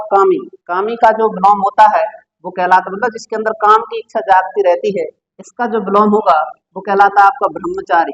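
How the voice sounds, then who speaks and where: In a dull, lo-fi recording, a high-pitched man runs through Hindi vocabulary for exam preparation. Again and again he poses questions to the listener and supplies the answers on his own.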